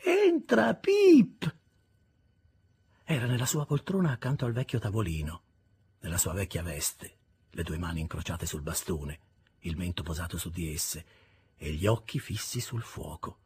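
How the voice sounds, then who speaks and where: Rich: A man narrates a classic novel in an expressive, measured storytelling manner. His voice is very husky and breathy, with a lively, wide-ranging melody. The pace is unhurried and literary. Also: low-pitched. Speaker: audiobook reader. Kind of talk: literary audiobook reading.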